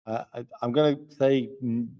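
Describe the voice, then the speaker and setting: A man's voice: medium pitch, steady tone, dull audio. A young man commentating a live card game tournament late at night, joking and chatty, sounding tired. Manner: chatty, joking, quick asides.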